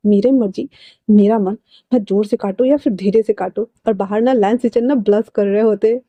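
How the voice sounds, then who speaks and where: A woman's voice: mid-range voice, fairly even intonation, normal speed, dark tone, no echo, lo-fi sound, natural voice. A woman voicing a curt, cool young man who speaks bluntly and dismissively.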